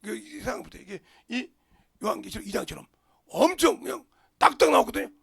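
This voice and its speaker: A male pastor from the region, preaching a sermon in an animated way and dropping into whispers for emphasis. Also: high-pitched, a little fast, vocal fry, husky. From Jeolla, Korea.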